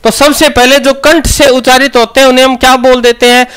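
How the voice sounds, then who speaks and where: A man's voice: very high voice, level tone, a little fast, a bit bright, clean tone. A man teaching a grammar lesson, asking questions and answering them himself.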